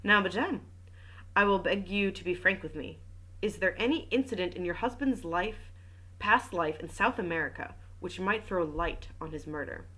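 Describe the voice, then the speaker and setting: A woman's voice: on the low side, normal speed, sharp tone, husky, low-quality recording. A woman voicing a formal, probing male French magistrate in a casual read-aloud of a mystery novel. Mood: questioning. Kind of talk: audiobook reading with commentary.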